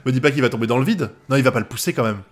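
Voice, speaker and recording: A man's voice: medium pitch, very fast, soft background music. A man from France giving live reaction commentary on an anime episode, swearing often and breaking into laughter.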